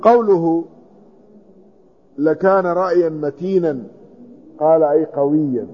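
A man's voice: on the high side, measured pace. A man teaching a hadith commentary lesson, reading a passage aloud and then explaining each word. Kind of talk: classical text commentary lesson. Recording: dull lo-fi recording.

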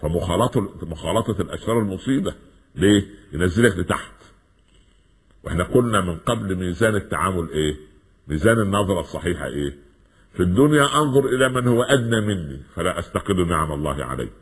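A male preacher with an Egyptian accent delivers a sermon at a rapid clip. His voice sits low and has a husky grain, and he drives his points home with quick rhetorical questions. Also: big-room sound. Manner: lively, rhetorical questions, mixes classical and colloquial Arabic.

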